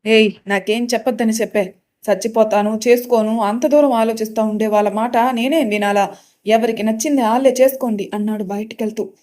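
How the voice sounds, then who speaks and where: A woman voicing a stern middle-aged village father who lectures his daughter loudly. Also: on the high side, fairly even intonation, brisk, lightly acted. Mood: angry. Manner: harsh, loud, lecturing.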